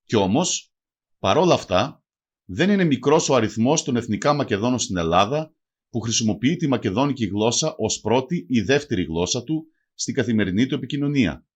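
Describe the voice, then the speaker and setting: A man reading a scripted language lesson, spelling out example words slowly and deliberately. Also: mid-range voice, expressive, breathy edge. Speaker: language teacher.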